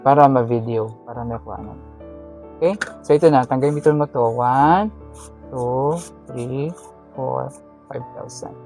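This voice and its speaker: A woman's voice: extremely low pitch, measured pace, pauses often, dark tone, soft background music. A woman running a charity vlog, firmly coaching a shy student to speak up, in a motherly, lecturing way. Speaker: charity vlogger handing out school allowance. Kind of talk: coaching, animated casual talk.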